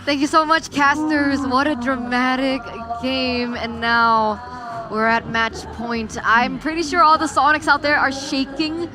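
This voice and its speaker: A woman hosting an esports analysis desk, bright and friendly. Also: high voice, fairly even intonation, measured pace, music in the background. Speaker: panel host.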